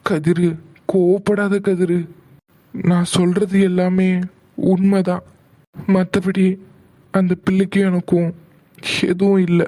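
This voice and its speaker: A man voicing a gentle young man in a cartoon, pleading earnestly with his brother in a high voice. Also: level tone, takes it slowly, pauses often. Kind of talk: cartoon voice acting.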